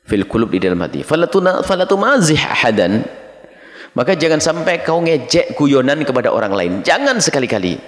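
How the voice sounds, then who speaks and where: A man's voice: a little high, sing-song, brisk, fairly bright tone. A middle-aged man preaching a dawn sermon, reading Arabic phrases and explaining them to his listeners as his children. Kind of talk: dawn sermon teaching from a text. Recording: long reverb of a large hall.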